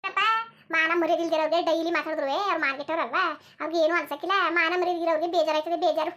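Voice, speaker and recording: A woman voicing a sharp-tongued old village grandmother in a cartoon, scolding and cursing without pause. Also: extremely high pitch, level tone, lo-fi sound.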